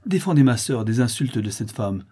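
A man reading the part of a gentle young girl, tender and pleading. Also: mid-range voice, big pitch swings, normal speed, breathy edge.

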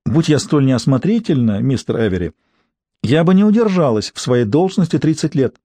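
A man's voice: medium pitch, lively intonation, moderate pace, warm tone, no room sound, natural voice. A man voicing a cool, guarded woman in her sixties. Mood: reserved. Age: 60s. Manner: reserved, cool, dryly polite.

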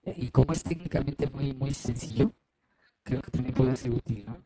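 A man's voice: mid-range voice, normal speed. A man with a Mexican accent on a breaking-up online voice chat, speaking hesitantly and repeating words in a casual group call. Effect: choppy, breaking-up voice chat connection. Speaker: meeting participant, activist. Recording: noisy, choppy internet voice line.

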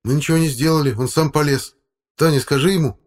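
A man voicing a scrappy, angry teenage schoolboy in an audiobook, loud and sulky. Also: on the high side, fast talker, pitched above the performer's own voice, natural voice.

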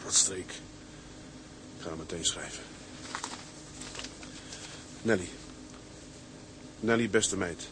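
In a Dutch radio drama, an actor voices a troubled, homesick young seaman who broods and mutters to himself through monologue and dialogue. The voice is low and slow with long pauses, and there is background noise. The mood is anguished and brooding.

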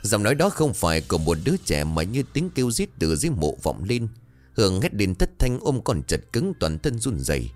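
Man, horror story narration, dramatic and suspenseful, very low voice, faint music behind. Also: big pitch swings, a little fast.

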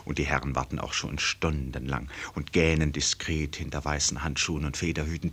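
A man's voice: lowish voice, a bit bright, breathy edge. A male actor playing a wry, urbane narrator of a satirical radio play, with ironic, literary delivery. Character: wry, urbane storyteller of a satirical court tale.

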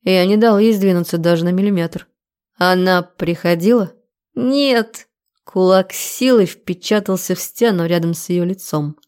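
A woman reads a dramatic novel aloud. Her narration is intense yet even, with a dark, mellow tone. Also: lowish voice, brisk, hardly any pauses. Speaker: audiobook reader.

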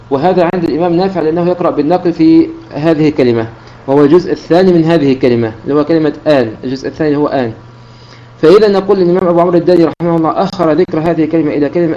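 Fast-talking male lecturer, mellow voice. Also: fairly high pitch. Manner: methodical, restates and rephrases terms. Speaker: Quran recitation teacher. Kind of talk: explanatory lecture. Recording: dull lo-fi recording with faint hiss.

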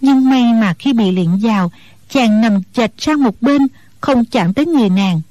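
A woman narrates a martial-arts novel in a steady, even storytelling voice. Her pitch sits a little high. The recording is dry and close. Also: a little slow, dry recording.

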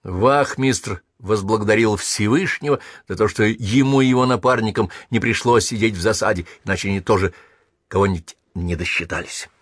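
Low-voiced man narrating an audiobook. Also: moderate pace, dry recording, clean studio sound. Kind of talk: scripted first-person narration.

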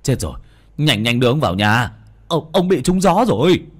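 Alarmed villager shouting urgent instructions, voiced by the narrator. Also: male voice, medium pitch, sing-song, normal speed, voice pushed up. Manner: urgent, calling out.

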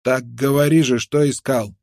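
A man's voice: mid-range voice, fairly even intonation, normal speed, a little mellow, no echo, clean studio sound, natural voice. A man voicing a menacing, contemptuous young frontiersman with a knife, snarling threats in an audiobook. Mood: threatening.

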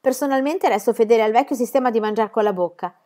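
A woman's voice: a little high, quick pace, mellow, natural voice. A woman voicing a bold, cheeky young girl who exclaims playfully.

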